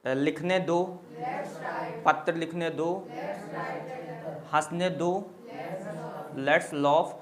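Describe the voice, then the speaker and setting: A teacher giving a spoken language lesson, drilling phrase after phrase with patient repetition and answering their own questions along the way. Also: mid-range voice. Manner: slow patient drilling, repeating each phrase. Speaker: English teacher.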